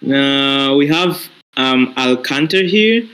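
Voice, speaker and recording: A man moderating a seminar, hesitant, pausing on fillers. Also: mid-range voice, lively intonation, a bit bright, low-quality recording. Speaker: session moderator.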